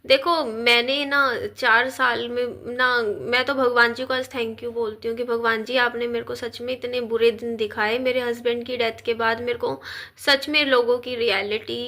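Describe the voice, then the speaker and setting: A woman in her thirties speaks in a high, bright voice, but she is unwell and talks slowly and softly, as if worn out. It is a personal vlog recorded on a phone, addressed straight to her viewers. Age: 30s. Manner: slow, subdued, tired delivery. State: unwell and weak. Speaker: vlogger. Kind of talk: personal talk to camera.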